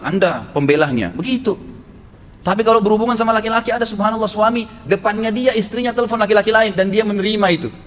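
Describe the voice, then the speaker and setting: Brisk, firm man preaching in a hall. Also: fairly high pitch. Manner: firm, emphatic, blunt advice. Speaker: Islamic preacher. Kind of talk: sermon. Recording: long echo in a hall, faint noise.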